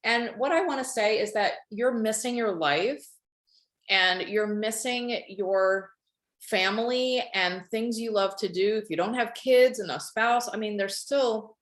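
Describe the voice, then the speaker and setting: A woman's voice: medium pitch, unhurried. Chatty middle-aged woman, echoey room. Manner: candid, rambling, storytelling with laughs. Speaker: podcast guest, online course expert. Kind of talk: casual interview chat.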